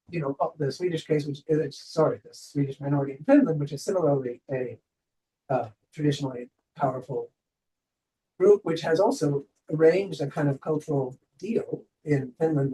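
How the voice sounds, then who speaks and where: Guy in the audience asking a long rambly question, mellow voice, sounds far off in an echoey room. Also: on the high side. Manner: rambling, self-correcting. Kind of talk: academic seminar question. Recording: roomy audio from far off the mic.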